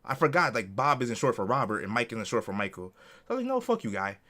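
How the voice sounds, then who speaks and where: A man's voice: mid-range voice, sing-song, fast talker, bright, forceful tone. A man co-hosting a podcast, telling a work story in casual chat, acting out callers in different voices and swearing freely. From Connecticut. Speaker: podcast co-host.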